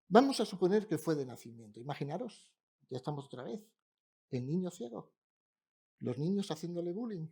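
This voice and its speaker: A man delivers a sermon in a church, chatting with the congregation in a humorous, easy way. His voice is somewhat husky, with a lively, swinging pitch. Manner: conversational, humorous, addresses congregation. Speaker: pastor preaching. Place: church in Barcelona.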